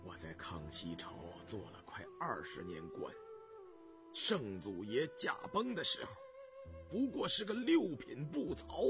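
A man voicing a tired, ailing middle-aged male official who speaks low and self-mockingly, for an audiobook. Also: very animated, a little slow, creaky, music in the background. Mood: weary. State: exhausted.

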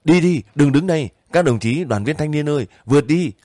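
Frantic young soldiers voiced by a male reader, high strained shouts, dry close sound. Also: animated, brisk, dry recording, natural voice. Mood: urgent shouting.

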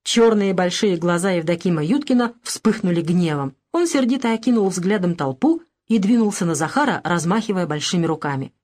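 A woman narrating a novel as an audiobook, in a steady, even storytelling manner. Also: lowish voice, fairly quick, few pauses. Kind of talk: scripted narration.

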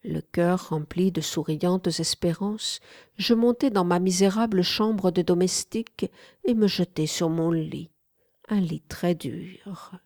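A woman narrating an audiobook in a measured, calm way. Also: lowish voice, dry recording, studio quality. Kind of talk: scripted literary narration.

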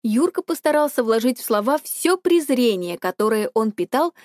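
A woman reading a story aloud as an audiobook narrator, in an even, measured manner. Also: fairly high pitch, dry recording, clean studio sound. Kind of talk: scripted narration.

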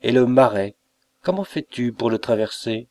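A man's voice: medium pitch, lively intonation, moderate pace, a little mellow, no room sound, close to an everyday voice. A man reading aloud as a young nobleman, a count who teases and banters but turns uneasy, in a storybook reading. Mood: jovial.

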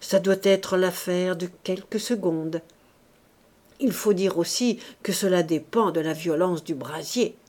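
A woman's voice: fairly low pitch, a little slow, a little mellow. A woman voicing a matter-of-fact middle-aged male doctor in an audiobook, speaking in an explanatory way. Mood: explaining.

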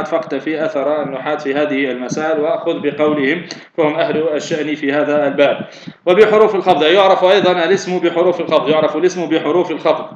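A man teaching a grammar lesson, explaining step by step. He often poses a question and answers it himself, with many fillers and restarts. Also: fairly high pitch. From Tunisia. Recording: echoey, dull lo-fi recording with faint noise.

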